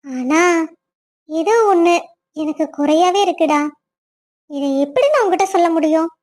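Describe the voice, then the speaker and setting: A woman's voice: extremely high pitch, normal speed, darkish tone. A woman voicing a young cartoon wife, emotional and weepy, who pleads with her husband. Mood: longing. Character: young wife Vennila, tearful and loving. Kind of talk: cartoon family drama voice acting.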